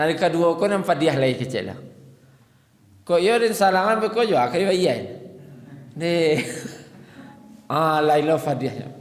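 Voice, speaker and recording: A man preaching a storytelling sermon, acting out quoted dialogue with lively shifts. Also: fairly high pitch. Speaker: Islamic preacher. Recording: echoey hall with long reverb.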